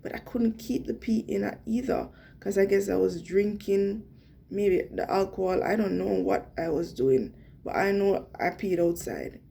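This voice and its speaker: A young adult woman with a Jamaican accent telling a personal story in an earnest, animated way, slipping into patois. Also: medium pitch, normal speed, gravelly. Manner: earnest, animated retelling with quoted dialogue and Jamaican patois slips. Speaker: vlogger.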